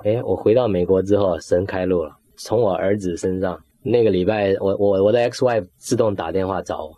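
A man's voice: low-pitched, a little fast, warm tone. A middle-aged man giving an emotional personal faith testimony, acting out his own prayers and dropping in English words. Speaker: testimony speaker.

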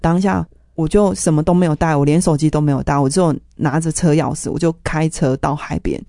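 Earnest woman with a low, mellow voice. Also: fairly even intonation, brisk, vocal fry, no echo, clean studio sound. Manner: earnest, emotional retelling of family conflict. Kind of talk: personal testimony storytelling.

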